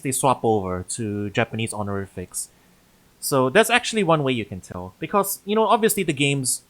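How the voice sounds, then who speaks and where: A man's voice: medium pitch, fairly bright tone. A man casually commentating a story game on stream, thinking aloud and often restarting his sentences. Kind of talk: casual let's-play commentary.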